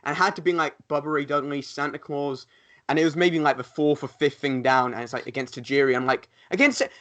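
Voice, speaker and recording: Rambling, self-mocking young wrestler. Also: male voice, on the high side, steady tone, fast, fairly bright tone. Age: 20s. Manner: rambling, self-mocking storyteller, many restarts. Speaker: professional wrestler, podcast guest. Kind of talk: casual podcast chat.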